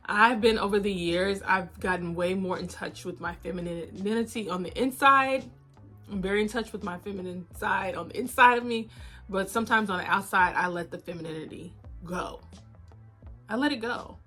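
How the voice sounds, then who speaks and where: A woman's voice: mid-range voice, sharp tone, soft background music. Candid woman in her thirties vlogging. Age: 30s. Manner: candid, unhurried, addresses viewers as y'all. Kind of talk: casual confessional chat to viewers. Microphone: phone camera.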